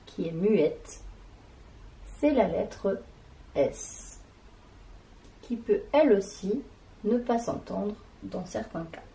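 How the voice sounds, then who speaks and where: A female teacher delivers a classroom lesson very slowly and carefully, lingering on each syllable and sound as she spells them out. Her medium-pitched voice is mellow and soft-edged, and the recording is rough.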